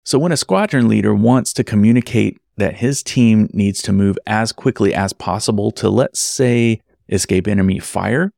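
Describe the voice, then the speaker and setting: A man tells a personal story from his work as an event photographer, speaking conversationally and tossing wry asides to the listener. His voice sits low with a gravelly edge. The recording is dry and close. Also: normal speed, few pauses, a little mellow, dry recording. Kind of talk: storytelling narration.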